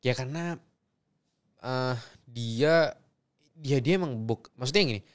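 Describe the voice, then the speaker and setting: A man's voice: medium pitch, a little slow. Young man laughing through casual chat. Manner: laughing, fumbling, repeats himself. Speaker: guest actor.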